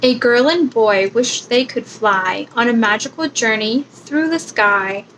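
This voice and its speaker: A woman reading children's picture books aloud in a gentle bedtime manner, adding animal and truck sounds. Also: fairly high pitch, measured pace, a little hiss or hum, poor audio. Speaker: children's book reader.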